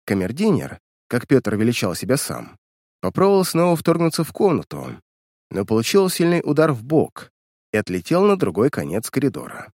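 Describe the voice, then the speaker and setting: A man narrates an audiobook from a script, telling the story expressively in a mid-range voice at a moderate pace. The studio sound is clean, with no room sound.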